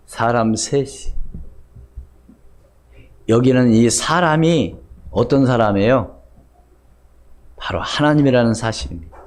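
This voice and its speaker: A man preaching a sermon as pastor, firing questions at the congregation and answering them himself with emphatic, rising repetition. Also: mid-range voice. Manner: call-and-response questioning, emphatic.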